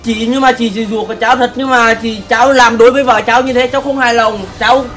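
A man's voice: very high-pitched, little pitch movement, quick pace, a bit bright. A man playing a hostile younger brother who bluntly refuses to forgive, in an amateur family skit. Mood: scornful. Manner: blunt, scornful. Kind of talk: amateur drama acting. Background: background music.

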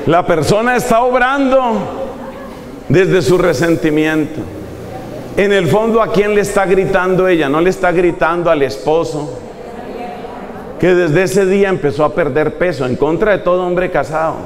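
Male preacher, lively and humorous, fairly high voice, long echo of a church hall. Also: normal speed, slight background noise. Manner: animated, humorous, acting out examples. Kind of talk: sermon.

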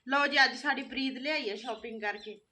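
A woman's voice: sits high, a little fast. A woman with a Malwai Punjabi accent chatting casually and expressively to camera and family as she shows things off. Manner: expressive, exclaiming. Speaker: family vlogger showing shopping. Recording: clearly noisy home vlog recording.

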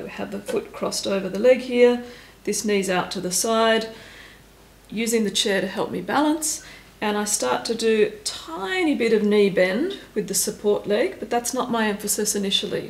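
A woman stretching instructor giving calm, step-by-step cues and counting down holds. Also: mid-range voice, creaky, roomy sound, rough recording. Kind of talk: guided exercise instruction.

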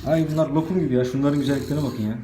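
A man vlogging casually and excitedly, cooing baby talk to puppies between remarks to his viewers. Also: medium pitch, racing. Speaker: vlogger showing dogs. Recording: echoey room with background noise.

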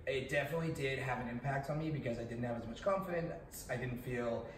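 A man's voice: medium pitch, fast. Thirties guy musing with lots of um and like, sounds far off in a roomy living room, some hum. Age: 30s. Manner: reflective, many fillers and restarts. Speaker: guest in a friends' discussion. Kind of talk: candid casual chat. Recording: echoey room, distant mic, background hum.

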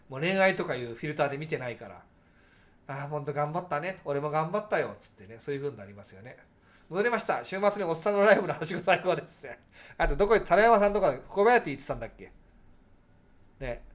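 A man's voice: on the high side, fairly bright tone. A man in his forties with a nasal voice, hosting a casual livestream and chatting back to viewer comments. He projects his voice so that it carries, and he talks freely with a lot of fillers. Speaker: livestream host.

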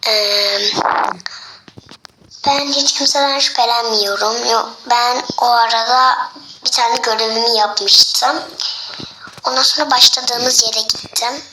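A woman's voice: a little high, steady tone, slow pace, pauses often. A woman player on casual voice chat whose voice echoes around a bare apartment room. She talks hesitantly, with filler sounds. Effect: echoing voice from a bare apartment room. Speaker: player in an online voting game. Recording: echoey room over loud background noise.

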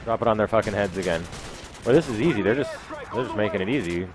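A young man with a fairly low, expressive voice talks quickly, giving casual, foul-mouthed live gameplay commentary as a video host. He speaks into a gaming headset mic in a small indoor room, with loud game gunfire behind him.

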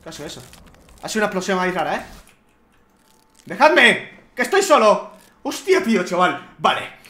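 A man from Spain giving excitable let's play commentary, shouting and swearing at the game. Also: sits high, normal speed, roomy sound. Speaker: gamer.

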